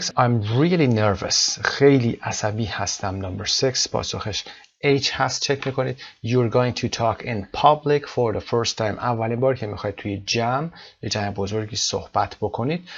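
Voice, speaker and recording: A male English teacher explaining vocabulary and pronunciation, reading English example sentences slowly and then explaining them quickly. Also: fairly low pitch. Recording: dull, lo-fi sound.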